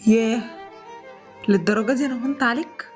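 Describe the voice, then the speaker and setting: A woman plays a jealous young Egyptian wife in a comedy sketch, high and fast-talking, throwing sharp sarcastic jabs. Soft music plays under the dialogue. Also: natural voice. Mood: bitter pleading. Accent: Egyptian Arabic. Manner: shrill, sarcastic outbursts.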